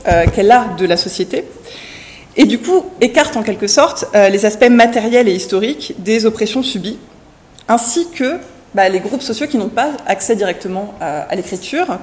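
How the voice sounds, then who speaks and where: A woman's voice: fairly high pitch, darkish tone, roomy sound. A woman presenting a seminar introduction, hesitant, with many fillers and restarts, speaking up so a remote listener can hear.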